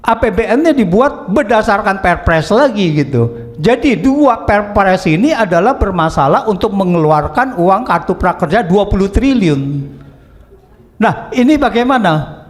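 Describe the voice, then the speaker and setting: A man with a notably high voice gives political commentary. He explains points carefully, one step at a time, and often pauses on small fillers. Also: lively intonation. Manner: measured explanation with frequent fillers like "eh" and "gitu". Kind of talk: analytical commentary.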